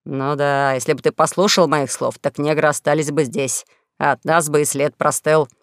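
A woman lowers her voice into a sly con-man duke with a sneering, sardonic edge. He needles and mocks, a storybook rogue heard close and dry. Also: fairly even intonation, moderate pace, dry recording. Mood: mocking. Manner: mocking, sardonic.

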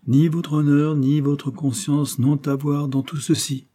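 A man's voice: fairly high pitch, level tone, unhurried, warm tone, slightly rough, voice pushed up. A man reading an audiobook, voicing a scheming, seductive adventuress who coaxes and wheedles. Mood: coaxing. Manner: coaxing, wheedling.

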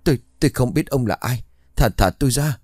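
A man's voice: low-pitched, a little fast, a little mellow, dry recording, clean studio sound, natural voice. A man voicing a troubled middle-aged villager who pleads in a strained voice in an audio ghost story. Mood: choking.

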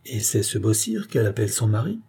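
A man's voice: on the low side, sing-song, quick pace, warm tone, slightly rough, full character voice. A man voicing a shrewd, grim middle-aged bailiff who talks in a sly, knowing, insistent way.

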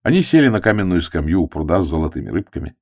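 A man narrating a story in a scripted, expressive manner. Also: low voice, racing, gravelly, no echo, studio quality. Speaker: audiobook narrator.

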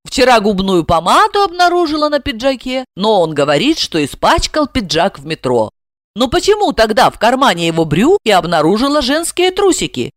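A woman narrating a story expressively with ironic, lively asides. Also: a little high, moderate pace, no echo, studio quality.

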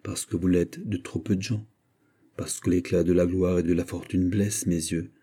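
A man's voice: deep voice, steady tone, moderate pace, dark tone, husky. A man voicing a proud and tender young noblewoman in an audiobook reading, speaking in an earnest, pleading manner.

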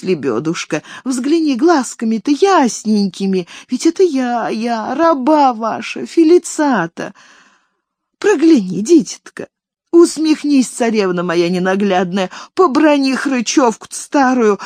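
A woman voicing a shrill, fussy old woman servant who scolds and laments in a broken old voice. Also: no room sound, studio quality, exaggerated voice.

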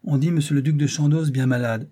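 A man's voice: on the high side, fairly even intonation, a little fast, warm tone, voice pushed up, lightly acted. A man voicing an obsequious, gossipy election agent with a fawning, mock-philosophical manner in an audiobook reading.

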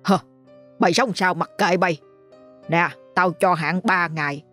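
A woman's voice: lowish voice, unhurried, fairly bright tone, faint music behind. A woman voicing a stern, rich male landlord who talks down to his tenants. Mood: scolding. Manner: blunt, scolding, talks down to others. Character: rich stern middle-aged male landlord, gruff and scornful.

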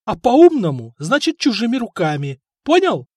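A man's voice: wildly swooping pitch, moderate pace, darkish tone, breathy edge, dry recording, clean studio sound, heavily acted. A man voicing a spiteful, scheming middle-aged wife of a chieftain who scolds and mocks her husband. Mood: vengeful. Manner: shrill, scolding, mocking. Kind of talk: audiobook character voice.

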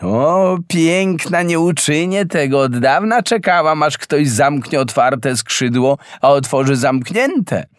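A friendly old castle gate speaks with gentle, solemn gratitude, as a male storyteller puts it on. The voice sits a little higher than the reader's own and moves slowly. The sound is close and dry. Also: expressive, dry recording. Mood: grateful, solemn.

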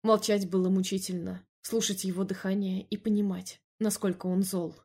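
Woman narrating a novel, husky voice. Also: medium pitch, flat delivery, moderate pace, mellow. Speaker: audiobook narrator. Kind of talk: first-person novel narration.

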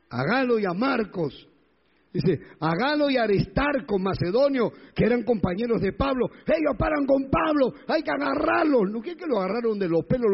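A man's voice: high voice, slightly rough, big-room sound, dull audio. A male pastor preaching a sermon, retelling scripture and acting out the crowds, often questioning his congregation.

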